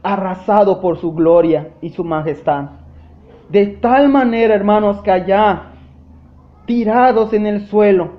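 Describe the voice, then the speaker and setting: Mexican pastor, man, high-pitched, fervent sermon delivery, roomy church sound on a dull lo-fi recording. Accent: Mexican Spanish. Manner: impassioned preaching, often calls out "brothers". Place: church sanctuary.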